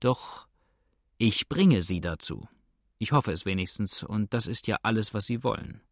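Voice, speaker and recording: A man voicing a shrewd innkeeper who speaks calmly, dryly and unhurriedly. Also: fairly low pitch, dry recording. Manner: calm, dry, unhurried. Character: calm shrewd older male innkeeper.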